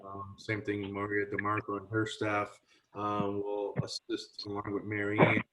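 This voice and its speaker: A man gives a halting, filler-heavy update to a board on a video call. His connection keeps cutting out. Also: lowish voice, completely flat delivery, fairly bright tone, slight background noise, poor audio. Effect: choppy video-call audio, connection cutting out. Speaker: housing authority director reporting to a board.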